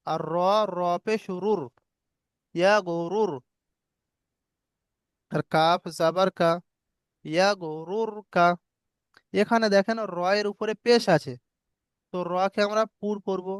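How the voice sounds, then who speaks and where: A man's voice: sits high, clean tone, dry recording, clean studio sound. A man teaching Quran recitation rules in a lesson, patiently spelling out letters syllable by syllable and checking that students follow. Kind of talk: online tajweed lesson.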